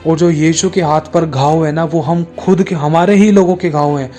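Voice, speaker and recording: A man's voice: a little high, steady tone, normal speed, mellow. A male pastor giving an emotional testimony sermon, repeating pleading phrases.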